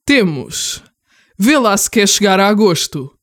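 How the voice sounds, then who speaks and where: A woman with a European Portuguese accent formally announcing awards in a scripted, drawn-out way with pauses. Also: medium pitch, big pitch swings, dry recording, studio quality. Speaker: awards presenter.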